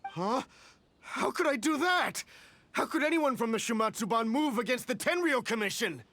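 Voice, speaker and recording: A man's voice: very high-pitched, lively intonation, moderate pace, sharp tone, no room sound, exaggerated voice. An actor playing a timid, polite father in a video game, speaking in an earnest, courteous way. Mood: frightened pleading. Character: timid, anxious, polite father, adult man. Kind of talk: English video game voice acting.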